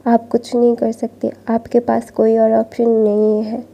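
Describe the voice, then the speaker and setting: A woman's voice: on the high side, monotone, a little slow, creaky, warm tone. A woman doing a stern, strict older uncle. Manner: stern, dismissive. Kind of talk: fan fiction story retelling. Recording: dull lo-fi recording.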